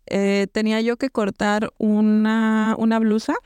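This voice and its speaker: A Mexican woman co-hosting a podcast, telling a story in casual chat with lots of slang and an animated manner. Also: a little high, a little slow, clear, resonant tone, no room sound. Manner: animated, slangy, acts out voices in anecdotes. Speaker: podcast co-host.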